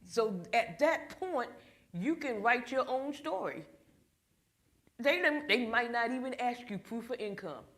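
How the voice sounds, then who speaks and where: Woman, church class leader, animated storyteller, jumps into little voices. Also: a little high, a little slow. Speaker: ministry financial class leader. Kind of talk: church group discussion.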